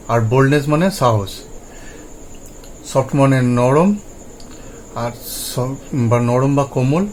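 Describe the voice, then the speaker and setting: A man teaching English pronunciation and word meanings, patiently repeating words for practice in a slow drill. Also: medium pitch, a little hiss or hum, rough recording. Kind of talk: Bengali-language lesson, spoken explanation.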